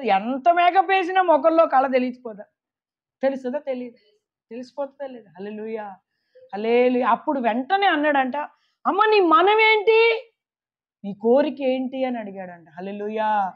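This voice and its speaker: Woman preacher, high voice, emphatic sermon, repeated hallelujahs, dull lo-fi sound. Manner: emphatic preaching, with frequent hallelujahs and questions to the audience. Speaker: preacher at a women's meeting. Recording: dull lo-fi recording.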